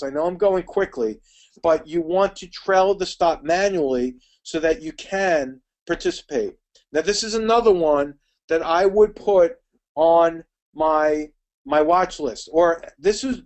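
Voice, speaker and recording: Man, middle-aged, fairly high voice, quick chatty webinar instructor, calls out attendees by name. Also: a little mellow. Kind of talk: live webinar teaching.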